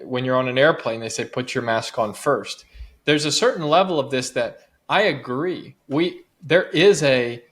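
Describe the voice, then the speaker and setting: Appearing as a guest author, an advocacy director makes an earnest, persuasive argument, building up his points through repetition. His voice is medium-pitched and fairly bright.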